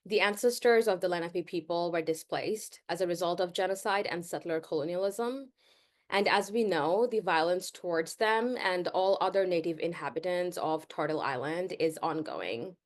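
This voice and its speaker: A woman from Bangladesh, leading an online workshop in an earnest, measured way with frequent "um" pauses, heard over a video call. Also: on the low side. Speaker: workshop facilitator.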